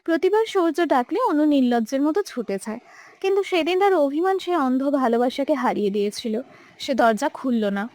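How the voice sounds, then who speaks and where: A woman's voice: high-pitched, lively intonation, a little fast, a little mellow, dry recording. A young woman narrating a romantic audio story with emotive, dramatic delivery. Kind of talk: scripted narration.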